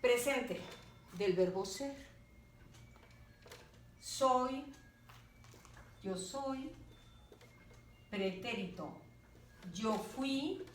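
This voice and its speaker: A woman teacher gives a grammar lesson, talking slowly and deliberately and checking in with her students as she goes. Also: on the high side, animated. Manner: slow and deliberate, checking in with "¿de acuerdo?". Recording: roomy, distant, faint background noise.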